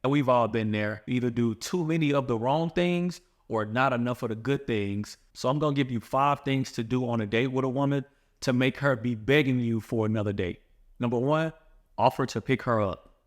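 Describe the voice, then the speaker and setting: A man's voice: mid-range voice, normal speed. A man coaching other men on dating in a blunt, slangy monologue, calling the listener "bro". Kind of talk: direct-to-camera advice monologue.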